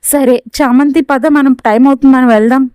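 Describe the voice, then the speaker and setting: A woman voicing a brisk young male lecturer. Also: high voice, steady tone, a little mellow, clean tone, dry recording, clean studio sound, lightly acted.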